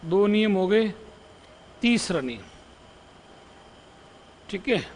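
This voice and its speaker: A male Hindi grammar teacher leads an exam-prep lesson in a high, very animated but slow voice, sounding like he's in a big room with a slight hiss or hum. He repeats example phrases, checks in with students after each one, and puts questions to them.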